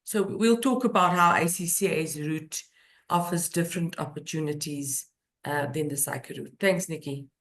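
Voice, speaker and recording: A woman's voice: low-pitched, normal speed. Emphatic woman explaining regulations. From South Africa. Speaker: guest, education director at a regulator. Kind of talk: explaining in a webinar interview.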